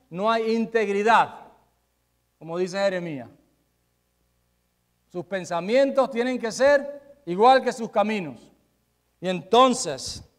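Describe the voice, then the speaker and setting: This pastor's voice sits high as he preaches, moving between booming points and soft side remarks and asking his listeners questions meant to make them think.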